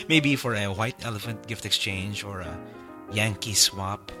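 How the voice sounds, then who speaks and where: A man's voice: fairly low pitch, measured pace. Rambling male podcast host over music. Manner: rambling, many fillers and restarts. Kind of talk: casual podcast chat.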